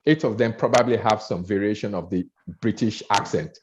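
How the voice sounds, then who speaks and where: Earnest and prone to repeating words while building his arguments, a Nigerian-accented man trains listeners in public speaking. His voice sits on the low side at normal speed, and the dull lo-fi audio carries a slight hiss or hum.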